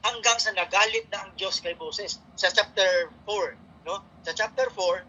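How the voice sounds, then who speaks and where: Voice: medium pitch, a little slow, bright, forceful tone, dull audio, a little hiss or hum. A speaker with a Filipino accent giving a morning devotion in a casual sermon style, reading scripture aloud and often asking "no?".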